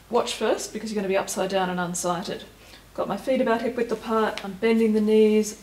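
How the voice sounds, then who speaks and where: A woman stretching instructor giving calm, step-by-step cues and counting down holds. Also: mid-range voice, echoey room, slight background noise, low-quality recording. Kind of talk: guided exercise instruction.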